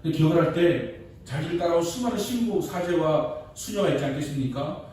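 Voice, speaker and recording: A man's voice: fairly high pitch, fairly quick, a little mellow. A male pastor preaching a sermon, telling a story and building to emphatic repeated questions. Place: church sanctuary. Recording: distant mic in echoey church with faint background noise.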